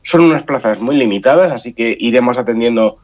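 A man's voice: mid-range voice, a little fast, a little mellow. A man from Spain with a nasal voice stuffed up by a cold, explaining things conversationally in a radio interview and often repeating words. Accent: Spanish from Spain. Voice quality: nasal, congested. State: has a head cold. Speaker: science outreach association spokesman, radio guest. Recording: muffled, dull band-limited sound.

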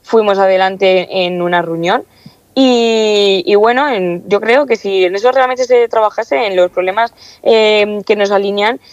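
In an unhurried, mid-range voice, a young student council member from Castilla-La Mancha, Spain, chats through her interview answers with plenty of fillers and restarts. There's no room sound; the recording is dull, dry, and lo-fi.

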